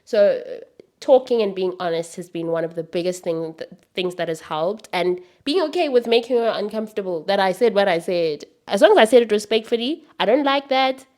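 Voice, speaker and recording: A woman's voice: mid-range voice, expressive, brisk, warm tone. A woman in her late twenties hosting a podcast. She speaks earnestly in casual conversation and often repeats words as she starts sentences. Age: late 20s. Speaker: podcast host.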